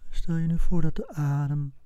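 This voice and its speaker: A man guiding a breathing and relaxation meditation in a soft, calm voice, with long pauses between his instructions. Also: a little high, clear, resonant tone, dry recording. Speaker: meditation guide. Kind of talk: guided meditation.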